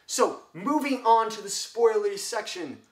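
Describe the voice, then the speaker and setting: A man's voice: high voice, unhurried. A young man talking casually about a book he loves, rambling with lots of fillers and acting out quotes. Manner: excitable, rambling, full of fillers, acts out quotes. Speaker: book vlogger. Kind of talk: casual book review vlog. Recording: echoey room.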